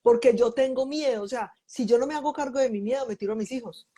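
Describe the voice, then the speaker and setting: A middle-aged mother hosts a family conversation, telling stories and acting out the quoted dialogue as an animated storyteller. Her voice is on the high side, fast, with a breathy edge.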